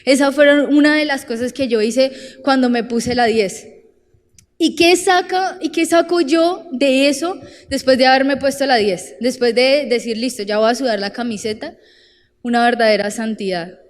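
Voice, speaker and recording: A young woman with a Colombian accent preaching a sermon, animated and direct, acting out the voices she quotes. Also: on the high side, normal speed, big-room sound. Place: church.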